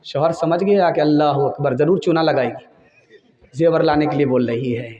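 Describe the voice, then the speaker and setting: High-voiced Indian Urdu-speaking preacher. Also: male voice, mellow, echoey room, lo-fi sound. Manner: emphatic storytelling, urging listeners to pay attention. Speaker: Islamic preacher. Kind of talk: sermon with parables.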